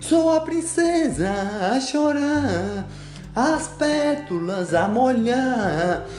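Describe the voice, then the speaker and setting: A woman singing as a young captive princess who is tender and lovelorn, in a slow, sing-song, pleading story-song. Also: high-pitched, mellow, heavily acted. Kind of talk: sung children's story-song. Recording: echoey room with faint music.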